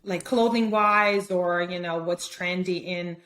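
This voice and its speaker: A Brazilian woman photographer, native Portuguese speaker, is a guest in a casual interview, speaking with a Brazilian Portuguese accent. Her lowish, slightly bright voice stays steady and a little slow, and she chats freely with many fillers and restarts.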